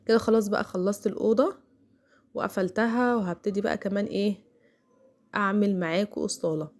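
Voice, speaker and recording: A middle-aged Egyptian woman narrates a voice-over for her home routine vlog in Egyptian Arabic. Her mid-range voice is steady and darkish, and she talks fast. She is chatty, uses many fillers, and speaks directly to her viewers.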